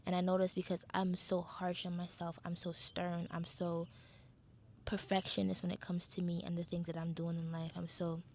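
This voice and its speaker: A woman's voice: fairly low pitch, completely flat delivery, moderate pace, darkish tone, slight background noise. A young woman from the Caribbean, talking candidly in a casual reflective monologue and swearing freely. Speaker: vlogger.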